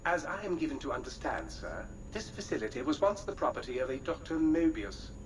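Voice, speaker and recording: Obsequious electronic valet, over-the-top posh British, florid game character, slightly far-off, noisy recording. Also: male voice, fairly high pitch, sing-song, fairly quick. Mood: deferential, lofty. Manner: pompous, florid, deferential. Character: obsequious electronic valet, male robot butler. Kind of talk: video game voice acting.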